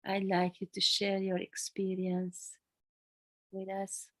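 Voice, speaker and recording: A woman qigong teacher speaks over a video call in a relaxed, explaining way, dropping soft encouraging murmurs between points. Her voice sits in a middle register. The sound is dry and close, with no room around it. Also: medium pitch, takes it slowly, no room sound. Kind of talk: leading an online group class.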